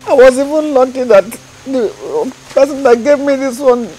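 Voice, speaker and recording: A woman's voice: sits high, moderate pace, dark tone, soft background music, natural voice. A woman playing a poor, humiliated village mother who speaks in a weary, plaintive way, in a Nollywood film. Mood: distressed.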